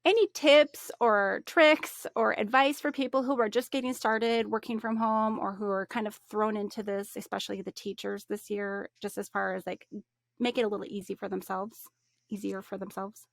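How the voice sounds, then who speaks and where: A woman's voice: mid-range voice, steady tone, normal speed, gravelly, dry recording, clean studio sound. A woman hosting a podcast, asking questions and answering with short backchannels. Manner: friendly questions, brief backchannels. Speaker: podcast host. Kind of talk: casual interview chat.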